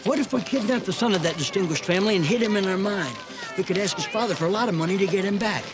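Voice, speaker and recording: An actor playing a dim-witted, eager and earnest crook's sidekick in a comic period film. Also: male voice, high-pitched, quick pace, music in the background, natural voice. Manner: simple, earnest, muddles his words.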